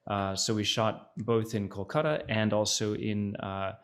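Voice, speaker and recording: Speaking a little slowly in a low, level voice, this actor from the Netherlands through his mother is a casual interview guest on a video call. His answers are thoughtful but full of fillers and restarts.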